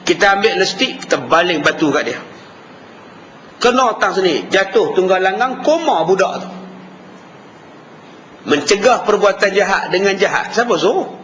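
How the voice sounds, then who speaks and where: A man with a Malaysian Malay accent giving a lively religious lecture, acting out quarrels between husbands and wives. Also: high voice, normal speed, long pauses, lo-fi sound, slight background noise. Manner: animated, acts out quarrels between spouses. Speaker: preacher. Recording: hall reverb with faint ambience.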